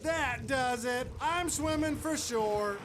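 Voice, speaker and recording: A man's voice: extremely high pitch, takes it slowly, background noise. A man voicing a sarcastic, complaining puppet disciple, a sceptic in a church puppet show. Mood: grumbling. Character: grumbling, sceptical puppet disciple rowing a boat.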